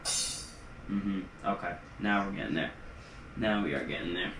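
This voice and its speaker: A man's voice: deep voice, unhurried, fairly bright tone. A man walking through his music production, casual and laid-back, thinking aloud as he works. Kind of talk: casual studio walkthrough. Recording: roomy sound with music playing. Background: music tracks playing.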